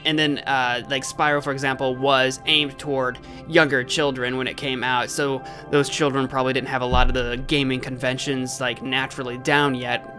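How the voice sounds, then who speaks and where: A livestream host gives casual, playful game commentary in a medium-pitched voice. The talk rambles and repeats itself, with faint music underneath. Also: a bit bright.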